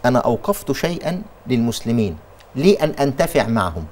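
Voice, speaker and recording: An Egyptian sheikh explains religious rulings on a studio talk show, animated and emphatic, often restarting his words. He talks at a very quick pace, with the voice of a man of middle pitch. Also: slight background noise. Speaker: sheikh answering religious questions.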